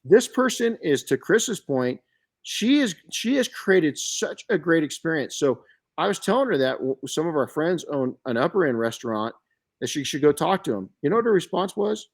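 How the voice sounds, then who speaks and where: An older man hosting a podcast, telling stories in an animated way with frequent restarts. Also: a little high, normal speed. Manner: animated storyteller with many restarts. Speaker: podcast host. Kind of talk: casual podcast chat.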